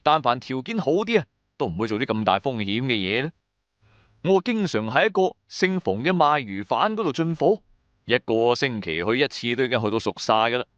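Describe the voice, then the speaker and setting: A man takes the part of a wry, shrewd trader, narrating his own adventures colloquially and sardonically as the radio drama's narrator and lead character. His medium-pitched voice is very animated, a little fast and a bit bright, musing and storytelling in mood, on a muffled recording with no echo.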